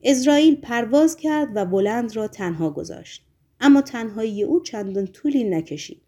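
A woman narrating an audiobook in a steady, measured way. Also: fairly high pitch.

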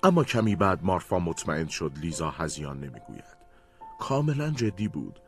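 Brief: male narrator, very low voice, measured reading over faint music. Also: big pitch swings. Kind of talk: scripted narration.

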